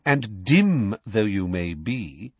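A man voicing a cold, sneering male teacher who speaks in a low, dangerous, clipped voice. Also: very animated, slow pace, husky, no room sound, heavily acted. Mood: menacing.

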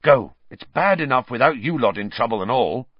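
A man voicing a big, gruff, kindly gamekeeper who talks roughly and colloquially in an audiobook. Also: medium pitch, animated, moderate pace, no room sound. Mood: urgent. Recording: slightly muffled dry studio audio.

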